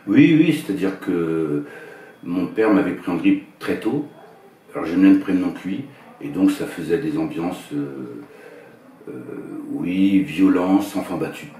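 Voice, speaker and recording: Soft-spoken man in his fifties, slow and distant. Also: lively intonation. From northern France. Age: 50s. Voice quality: quiet, low-key, trailing off. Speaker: musician and singer-songwriter. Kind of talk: soft-spoken interview answers. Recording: echoey room, heard from a distance, guitar music behind.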